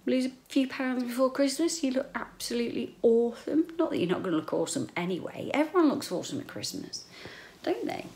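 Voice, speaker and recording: In a chatty vlog shot indoors in her small, echoey bedroom on a handheld camera at arm's length, a middle-aged British woman rambles playfully and swears a little. Her voice is a little high and a little mellow, lively and fast, with few pauses.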